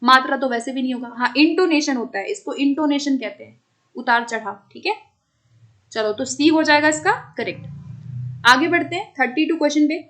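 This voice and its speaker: A woman with a high voice teaches an online exam-prep class. She explains each answer step by step and keeps checking that her students follow along. English terms slip into her explanations. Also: normal speed, a bit bright.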